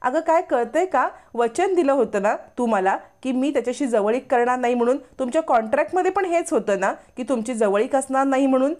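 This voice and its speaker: A woman voicing an older woman who angrily scolds a young couple, accusing and rapid. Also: high voice, animated, a little mellow. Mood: angry.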